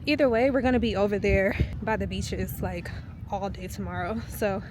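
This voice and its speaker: A woman's voice: mid-range voice, fairly even intonation, moderate pace, background noise. A woman vlogging in casual chat, filler-heavy and laughing often.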